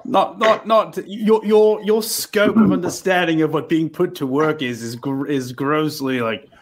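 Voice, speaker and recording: A man playing a tabletop role-playing game in casual improvised talk, halting and wordy. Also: a little high, fairly even intonation.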